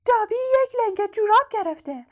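Tiny squeaky house-elf guy, woman putting him on, super high voice, storybook reading. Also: lively intonation, darkish tone. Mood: awestruck. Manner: squeaky, wondering, speaks of himself by name. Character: small awestruck male house-elf servant.

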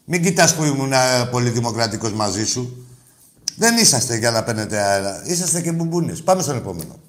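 A man's voice: medium pitch, big pitch swings, roomy sound. Brash, combative male radio host. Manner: brash, combative, crude banter. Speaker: sports radio call-in host. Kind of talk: heated call-in argument.

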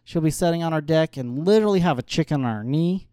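A man as an interview guest, telling lively stories in casual chat, laughing often and acting out what others said. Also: fairly high pitch, fast talker, smooth, no echo, studio quality. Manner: animated storyteller, laughs often, acts out quotes.

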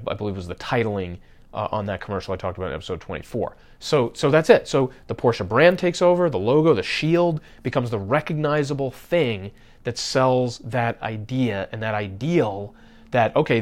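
A man hosts a podcast in a loose, conversational way. He speaks straight to his listeners, breaks off and restarts his sentences, and fills the gaps with "uh" and "you know.". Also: mid-range voice. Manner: conversational, many fillers and restarts, addresses listeners directly. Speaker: podcast host. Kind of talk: casual marketing talk.

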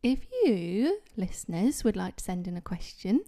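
Mellow-voiced woman co-hosting a podcast. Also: mid-range voice, big pitch swings, moderate pace. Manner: warm reactions, reads out contact details. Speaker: podcast co-host. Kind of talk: casual podcast chat. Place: guests' home.

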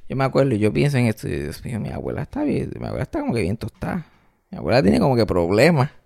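A man's voice: very fast, vocal fry. A young man telling a funny childhood story on a podcast, acting out voices and mixing in English words. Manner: animated storyteller, acts out voices with high-pitched whines. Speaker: podcast co-host. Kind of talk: casual storytelling chat.

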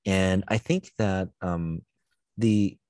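Pastor, male, low voice, dry sound, reflective and unhurried in conversation. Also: steady tone, darkish tone, no room sound. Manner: thoughtful, searching for words. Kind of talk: conversational Bible discussion.

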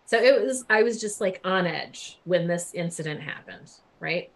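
A woman in her forties, a guest telling a story in casual chat, animated, laughing often and swearing freely. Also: fairly low pitch, moderate pace.

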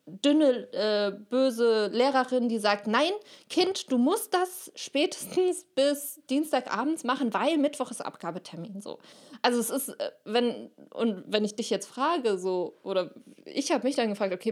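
A woman's voice: medium pitch, a little mellow. A woman hosting a solo podcast in a casual, chatty way, often acting out little inner voices. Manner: chatty, uses filler words and acted inner voices. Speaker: podcast host.

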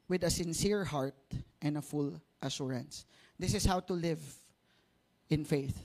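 A Filipino man delivers a sermon in a mix of Tagalog and English. His voice sits a little high for a man. He talks conversationally, using rhetorical tag questions to seek agreement. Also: darkish tone. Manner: switches between Tagalog and English. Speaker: preacher.

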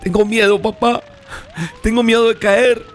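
Man doing a scared little boy, high and crying. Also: level tone, unhurried, soft background music. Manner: crying, fearful. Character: frightened small boy trapped in a fire.

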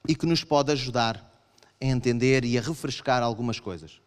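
A man with a European Portuguese accent preaching a sermon to a congregation, animated and acting out his listeners' objections. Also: moderate pace, clean tone. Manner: animated, acts out voices of the congregation in raised pitch. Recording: long hall reverb.

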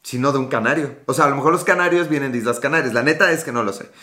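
Rapid-fire and forceful, the medium-pitched, bright voice belongs to a Mexican livestream host in his late thirties. He rambles through viewer comments, joking and swearing a lot.

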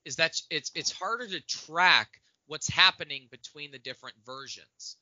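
A man co-hosting a podcast, talking in an excitable, loose and casual way about design workflows. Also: fairly high pitch, moderate pace, no room sound, highs cut off. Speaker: podcast co-host. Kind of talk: casual tech chat. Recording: dry close-mic sound.

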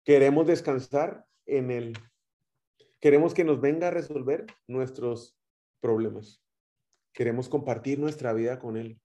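A man with a Guatemalan accent preaching a sermon, telling stories and swinging between loud emphatic phrases and quiet trailing ones. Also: medium pitch, unhurried. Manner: storytelling with rising and dropping loudness.

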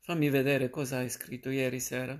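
A man's voice: medium pitch, level tone, a little fast, lightly acted. A man reading a moody, teasing woman in a novel.

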